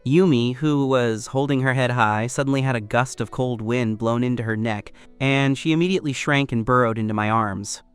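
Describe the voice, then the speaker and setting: A man narrating a story recap in first person, in a steady scripted storytelling read. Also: medium pitch, normal speed, hardly any pauses, clear, resonant tone, soft background music.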